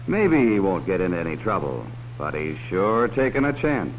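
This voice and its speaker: A deep-voiced man, very animated at normal speed, narrates a 1950s educational film as a cautionary adult warning kids about strangers. He speaks to children directly and folksily, asking leading questions, over a dull, hissy old soundtrack.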